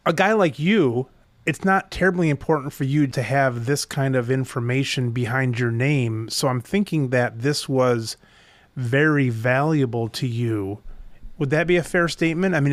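A man hosting an interview, asking quick, curious follow-up questions in a casual way. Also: medium pitch, no echo. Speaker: interview host.

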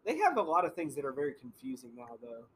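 A man's voice: mid-range voice, wildly swooping pitch, quick pace, a bit bright, husky, poor audio. A man chatting casually with friends, rambling with many fillers. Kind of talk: casual chat.

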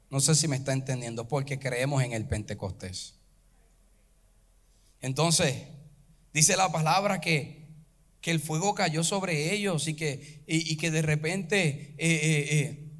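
Man, pastor, high-pitched, fervent sermon, chanting at the peaks. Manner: fervent, rises into chanted preaching at climaxes; addresses the congregation directly.

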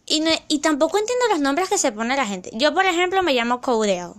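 A young woman chatting in a casual vlog, excitable and rambling, loud at times and slipping into English phrases. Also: high-pitched, a little fast. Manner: loud, near shouting at times. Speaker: vlogger.

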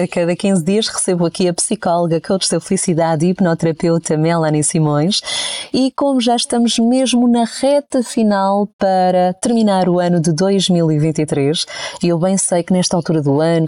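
A woman's voice: lowish voice, mellow. A woman with a European Portuguese accent hosting a radio talk show, upbeat and friendly as she introduces her guest.

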